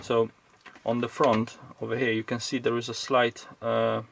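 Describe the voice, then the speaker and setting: Hesitant and rambling, a probably middle-aged electronics hobbyist narrates an unscripted teardown for a video, working indoors at a home bench. He speaks at a moderate pace in a medium-pitched monotone with vocal fry. Faint clicks and background noise can be heard.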